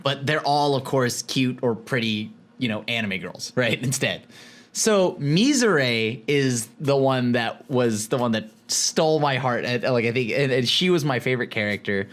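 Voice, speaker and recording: A man from California co-hosting a podcast in casual chat, animated and laughing often, with many restarts. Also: medium pitch, moderate pace. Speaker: podcast co-host.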